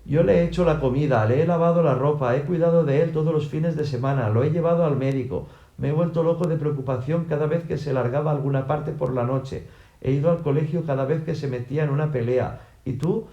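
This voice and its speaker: A man playing an enraged shouting father. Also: medium pitch, normal speed, dull audio, natural voice. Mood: furious shouting. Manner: yelling, raised and strained. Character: furious shouting father, middle-aged man, then tearful. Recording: roomy echo.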